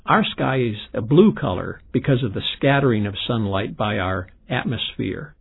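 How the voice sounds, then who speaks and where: A man with a gravelly, husky voice, giving explanatory commentary as an expert in a documentary. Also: medium pitch, animated, moderate pace. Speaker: expert interviewee, science lecturer. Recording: dull lo-fi sound, music behind.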